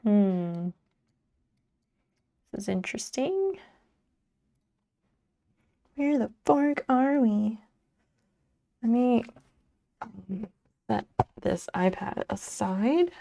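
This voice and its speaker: A woman's voice: on the high side, expressive, extremely slow, gravelly, long pauses, dark tone. A woman live streamer chatting casually while sleepy and yawning, rambling and swearing offhandedly.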